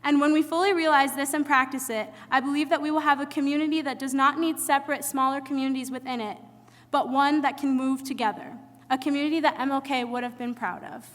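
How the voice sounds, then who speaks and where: A young woman reads an earnest prepared speech as emcee, her voice high and bright. It rings out with a long reverb across a large hall. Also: fairly even intonation, fast. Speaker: student emcee.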